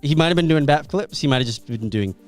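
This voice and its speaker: A man co-hosting a casual podcast, telling facts as animated stories. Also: on the high side, quick pace, soft background music. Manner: animated storyteller, reads out facts. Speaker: podcast co-host.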